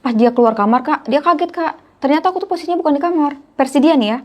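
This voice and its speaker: Young woman, higher-pitched. Chatty guest telling a spooky story. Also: fast talker, highs cut off. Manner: chatty, keeps addressing the listener as "Kak". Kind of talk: casual horror storytelling.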